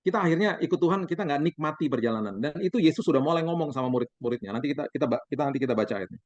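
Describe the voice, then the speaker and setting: A man in his forties, a pastor, preaching a sermon as lively stories, acting out the dialogue for the congregation. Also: a little high, very fast, no echo. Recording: dull, dry sound.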